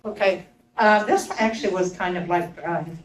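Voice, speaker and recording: A woman's voice: fairly low pitch, normal speed, crowd noise. A woman board member offering her ideas hesitantly at a meeting. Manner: hesitant, tentative. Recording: echoey room.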